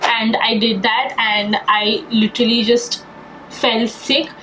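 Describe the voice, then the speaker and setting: Her voice is fairly high, steady, and a bit bright, and she takes her time speaking. This young woman, a beauty vlogger slightly nasal from a cold, enthusiastically walks through a casual get-ready-with-me makeup routine in an echoey room with faint noise behind her.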